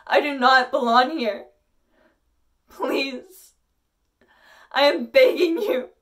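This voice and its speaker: A young woman performs a desperate, paranoid asylum inmate in a dramatic monologue. Her voice is high, with halting, intense pleas, heard at some distance from the microphone. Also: a bit bright. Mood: desperate pleading. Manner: halting, intense, pleading delivery. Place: indoors against a plain wall. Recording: voice distant from the mic.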